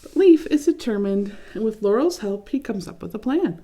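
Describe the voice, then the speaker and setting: A young adult woman reading a picture book aloud to children, gently commenting and asking them questions. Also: fairly high pitch, animated, normal speed. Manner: gentle, asks listeners questions, adds comments. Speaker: children's story reader.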